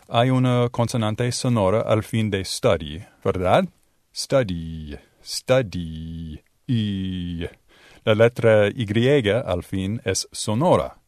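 A man teaching English pronunciation in a bilingual lesson, drawing out sounds slowly to demonstrate them. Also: on the low side, a little mellow, no room sound, studio quality. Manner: slow, exaggerated demonstration of sounds. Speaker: Spanish-speaking English teacher.

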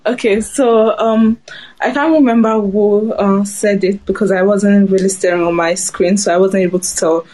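A young woman raised in Germany talks hesitantly on the phone during a casual group discussion, using lots of fillers. Her voice sits in the mid range, with a steady, somewhat dark tone and a normal pace.

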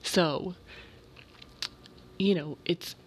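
A woman hosting a casual solo storytelling podcast in an informal, rambling, slangy way, a little sick, with vocal fry in her voice. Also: lowish voice, drawn-out words. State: slightly sick. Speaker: podcast host.

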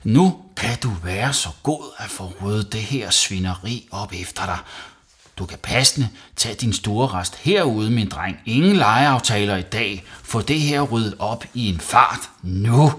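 A man reading a storybook and voicing an angry mother who shouts and scolds her son. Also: fairly low pitch, lively intonation, breathy edge, pitched above the performer's own voice. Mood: stern.

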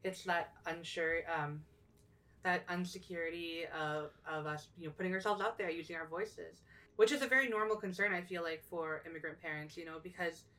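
Young woman podcaster, lowish voice, kinda far from the mic, lots of "you know"s. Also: moderate pace, pushed and bright. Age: young adult. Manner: thoughtful, many fillers and restarts. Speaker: podcast co-host. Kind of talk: casual podcast chat.

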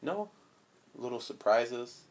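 A man with a voice of middling pitch talks with his young child in a relaxed, casual way. As her father, he keeps asking playful, probing questions. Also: takes it slowly, gravelly. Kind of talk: casual chat.

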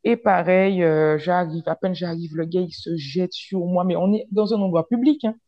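A woman telling a dating story in casual chat, lively and full of fillers, acting out what people said. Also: fairly low pitch, moderate pace. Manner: animated, acts out quoted lines, many fillers. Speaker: podcast storyteller. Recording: dull lo-fi sound.

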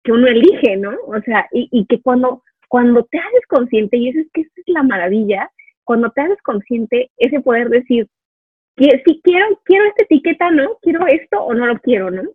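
Over a dry, tinny phone-line connection, a female podcast host chats in a casual interview, musing aloud and frequently tagging her thoughts with "¿no?". Her voice sits a little high, with a breathy edge, and she speaks expressively at a normal speed.

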